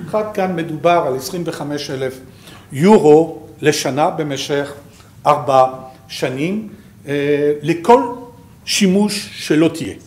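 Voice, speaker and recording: A man with a fairly high-pitched voice and a French accent presents slides to researchers. He speaks informally and haltingly, often feeling around for the next word. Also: a little mellow. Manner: halting, searching for words. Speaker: programme director presenting to researchers.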